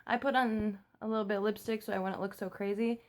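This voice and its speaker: A young woman from the US vlogs casually at home, recording on a phone late at night. She's chatty and talks fast but keeps her voice down, her medium-pitched voice holding a steady tone.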